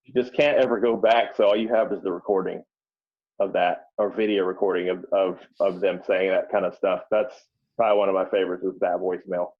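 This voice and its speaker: Low-voiced man, easygoing guest. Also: fairly quick. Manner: relaxed storyteller, easygoing. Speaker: podcast guest, real estate investor. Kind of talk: casual interview chat. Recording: dull lo-fi sound.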